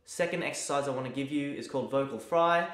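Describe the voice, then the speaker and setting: A man giving a relaxed, chatty music lesson at home, sometimes breaking into sung scales to demonstrate. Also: mid-range voice, fast, echoey room. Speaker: piano and music teacher. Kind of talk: casual video lesson. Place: room at home during lockdown. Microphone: mic near the camera.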